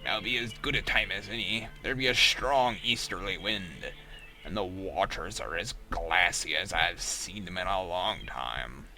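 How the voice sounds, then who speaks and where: A man's voice: low voice, unhurried, pushed and bright, slight background noise, full character voice. A man voicing a crusty, salty male pirate ship captain in a silly put-on pirate accent, reading game dialogue. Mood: gruff hearty.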